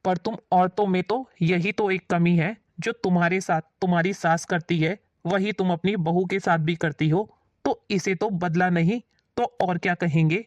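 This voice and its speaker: A woman's voice: lowish voice, fairly even intonation, moderate pace, a little mellow, no room sound, highs cut off, lightly acted. A woman playing an older father-in-law who reasons patiently with his wife in a family drama. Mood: reasoning. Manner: patient, lecturing.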